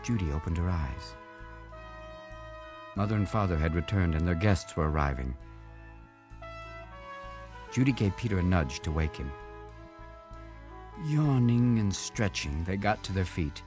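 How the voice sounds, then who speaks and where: A man narrating a children's storybook aloud in an expressive read-aloud style. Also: sits low, unhurried, pauses often, music in the background.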